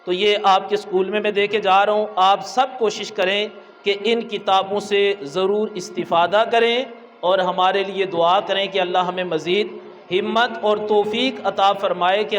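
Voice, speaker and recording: A man's voice: high-pitched, steady tone, fairly bright tone, a little hiss or hum. A man with a Pakistani accent giving a school assembly talk, quizzing the children, coaxing them and calling them "son", then closing in prayer. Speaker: guest religious lecturer at a school. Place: outdoor school assembly in the sun. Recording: echoey PA sound, heard from far off.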